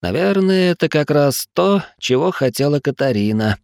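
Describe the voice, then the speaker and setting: Male reader voicing urgent adult male companions, gravelly, dry; audiobook. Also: a little high, lively intonation, normal speed, a little mellow, no room sound, pitched above the performer's own voice. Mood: tense.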